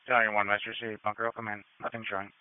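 A man's voice: lowish voice, little pitch movement, racing, smooth, no room sound. A man dispatching fire units in terse, procedural radio phrases. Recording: thin, phone-like radio channel.

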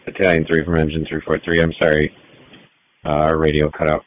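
A man's voice: a bass voice, monotone, a little fast, dry recording. A man from a fire engine crew answering a call over a radio that is breaking up, clipped and apologetic. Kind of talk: fire radio dispatch traffic. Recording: lo-fi distant radio transmission.

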